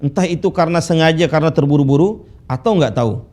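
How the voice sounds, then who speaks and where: A man teaching Quran recitation rules, patiently drilling students with slow, drawn-out recited phrases. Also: a little high, a little mellow. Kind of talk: tajwid lesson with recitation drills. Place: classroom studio with whiteboard.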